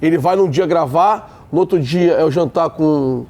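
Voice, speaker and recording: Rio-accented male panelist, blunt and emphatic, high-pitched voice, studio debate. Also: moderate pace, darkish tone. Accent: Brazilian Portuguese, Rio de Janeiro. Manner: blunt, emphatic, repeats points.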